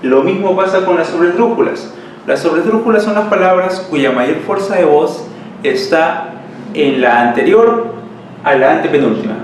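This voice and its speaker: A man's voice: fairly high pitch, expressive, moderate pace. A male language teacher giving a lesson, explaining rules step by step and checking in with his students. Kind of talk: classroom lesson at a board. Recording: echoey room, mic far off, faint hiss.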